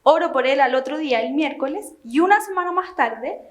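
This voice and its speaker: A young woman telling her personal testimony to a church group, earnest and halting, with frequent fillers. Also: high-pitched, animated. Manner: earnest storytelling with many fillers. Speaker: church member giving testimony.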